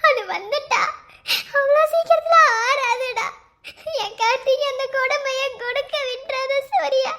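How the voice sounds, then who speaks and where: A woman's voice: very high-pitched, moderate pace, fairly bright tone. A woman voicing a heartbroken young bride in a cartoon, tearfully pleading to stop her wedding. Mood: desperate pleading.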